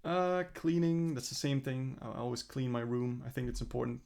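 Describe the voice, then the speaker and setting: A man's voice: mid-range voice, normal speed, vocal fry, darkish tone. A young man talking through his plans in a casual, earnest vlog, rambling and correcting himself as he goes. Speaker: vlogger. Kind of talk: casual self-reflective vlog.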